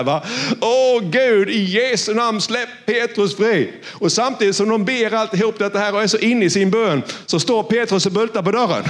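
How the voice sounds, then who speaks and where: A man preaching a sermon, retelling a Bible story with lively acted-out voices and asking his listeners direct questions. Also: sits high. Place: church or studio with screens.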